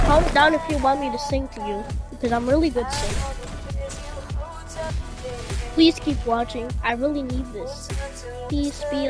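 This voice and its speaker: A young woman with a high voice live-streams with music behind her, chatting casually and in slang with other players and insistently repeating phrases.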